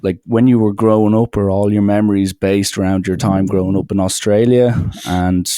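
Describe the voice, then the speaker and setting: A man with a very low, deep voice hosts a casual podcast interview, earnest and a little rambling, full of ums and restarts. The sound is dry and close, with no room echo. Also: fairly even intonation, moderate pace, warm tone, clear, resonant tone. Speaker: podcast host.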